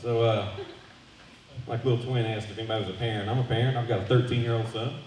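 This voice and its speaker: A man's voice: mid-range voice, fast, noisy background. A man doing a loose, profane stand-up set. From Southern US. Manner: loose, profane storytelling with animated voice jumps. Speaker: stand-up comedian. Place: brewery comedy showcase stage. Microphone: handheld stage microphone. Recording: echoey room from far off.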